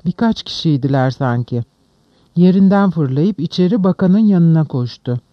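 An audiobook narrator reading a classic novel in a measured, dramatic way. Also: mid-range voice, expressive, dry recording, dull audio. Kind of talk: scripted literary narration.

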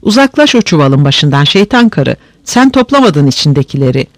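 A man's voice: a little high, sing-song, brisk, dry recording. A man voicing a haughty, cool-headed tall village man in a read-aloud story, curt and scornful.

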